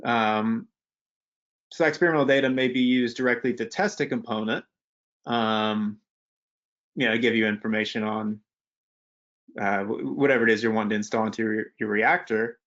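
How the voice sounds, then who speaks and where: A man's voice: on the low side, fairly even intonation, moderate pace, long pauses, fairly bright tone, highs cut off. A young man presenting a technical webinar in a casual, conversational way, with many fillers and restarts. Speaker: webinar presenter, postdoctoral researcher.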